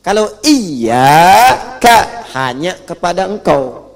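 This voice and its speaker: A man teaching Quran recitation to a live audience, drawing out the Arabic words slowly, then explaining in brisk everyday talk and getting the audience to repeat after him. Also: high voice, lively intonation. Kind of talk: religious lesson. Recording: reverberant hall.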